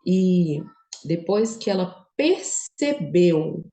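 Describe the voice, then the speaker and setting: Echoey low-voiced woman giving testimony. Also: drawn-out words. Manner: emotional, shifts from quiet and low to high and animated. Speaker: children's book author.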